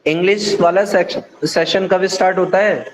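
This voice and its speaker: A man's voice: sits high, steady tone, normal speed, a little hiss or hum, low-quality recording. A man with an Indian English accent teaching a maths class online, calling students "beta" and answering his own questions patiently.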